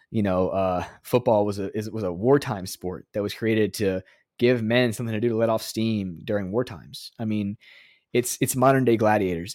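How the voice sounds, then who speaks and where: A man's voice: mid-range voice, darkish tone, no echo. Man, podcast host, casual monologue, earnest, emotional, sarcastic jokes, dry close sound.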